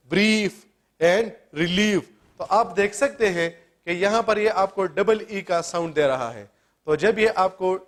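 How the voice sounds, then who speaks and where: A man with a notably high voice gives a classroom grammar lesson. He keeps asking questions and answering them himself. He spells words out letter by letter as he walks through each rule. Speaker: English teacher.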